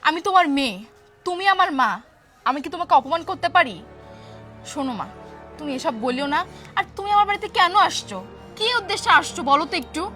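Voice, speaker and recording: A woman's voice: very high voice, animated, fast talker, long pauses, pushed and bright, faint music behind, exaggerated voice. A woman playing a young married daughter who pleads with and soothes her angry mother. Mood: pleading.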